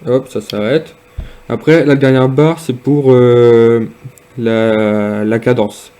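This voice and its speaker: A man casually demonstrating and reviewing a piece of gear, speaking hesitantly with frequent pauses and fillers. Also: medium pitch, steady tone, dark tone, smooth. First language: French. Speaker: product reviewer.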